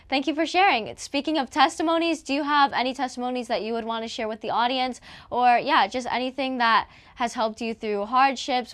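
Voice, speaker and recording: A woman's voice: fairly high pitch, fairly bright tone. A woman hosting an interview, enthusiastic and encouraging in her questions. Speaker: interview host. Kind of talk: casual interview chat.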